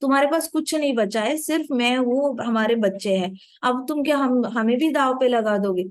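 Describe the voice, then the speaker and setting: Woman doing anxious young queen, devoted, pleading, urgent, fairly high voice, storybook telling. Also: normal speed, no room sound, lightly acted.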